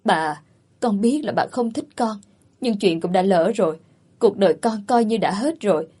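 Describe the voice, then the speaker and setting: A woman's voice: mid-range voice, normal speed, dark tone, husky, lightly acted. A woman voicing a cunning young woman who pleads and sobs to look pitiful. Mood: pleading. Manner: pleading, tearful. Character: young woman, sly, plays the pitiful victim.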